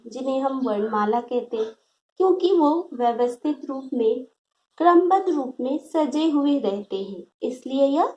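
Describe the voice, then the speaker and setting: A woman's voice: sits high, a little mellow, highs cut off. A woman teacher giving a grammar lesson to students, patiently explaining each point twice in simpler words.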